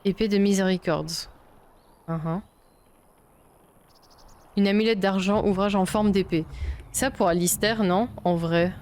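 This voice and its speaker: Woman, Belgian French accent, unhurried, let's-play chatter, mutters item names while browsing. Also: mid-range voice, a little mellow. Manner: thinks aloud, reads item names half to herself. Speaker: gamer. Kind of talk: casual let's-play commentary.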